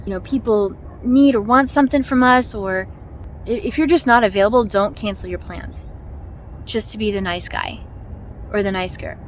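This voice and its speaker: A woman's voice: mid-range voice, normal speed, rough recording. A woman with an American accent chatting casually and informally to her vlog audience as she walks on an outdoor hike. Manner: talking while walking on a hike; informal, chatty, with little chuckles. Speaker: vlog host. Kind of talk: casual chat to camera. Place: outdoors on a hiking trail. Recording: outdoor ambient noise.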